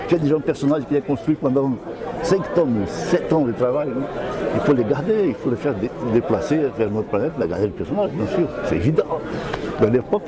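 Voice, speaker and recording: An older man from Brazil with a Brazilian Portuguese accent, answering interview questions in hesitant French, often searching for words and restarting. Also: mid-range voice. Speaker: comic book author.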